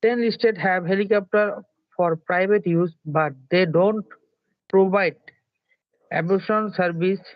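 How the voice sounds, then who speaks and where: A man with a Bangladeshi accent reading an article aloud in an online class, halting and polite. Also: sits high, fairly even intonation, dry recording. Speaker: student. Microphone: online call. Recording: dry, dull online call audio.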